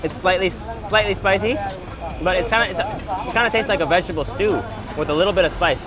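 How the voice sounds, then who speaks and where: A young man from Canada, a food vlogger, tasting dishes on camera and reacting with excited, breathy exclamations at street stalls and in a restaurant. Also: high-pitched, brisk.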